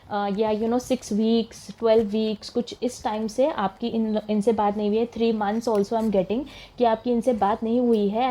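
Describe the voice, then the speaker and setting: A young woman reads tarot cards in a chatty, casual way, slipping English words in as she goes. Her voice sits a little high but sounds mellow and soft-edged. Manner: chatty, mixes English words into Hindi, laughs as she talks. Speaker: tarot reader. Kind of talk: casual tarot reading for viewers.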